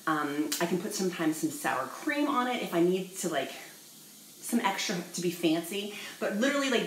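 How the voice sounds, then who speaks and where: Woman, thirties, bubbly chatty vlogger, lowish voice, echoey room. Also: background noise. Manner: chatty, bubbly, jokey, addresses viewers as y'all. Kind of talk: casual cooking vlog talk to camera. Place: home dining room.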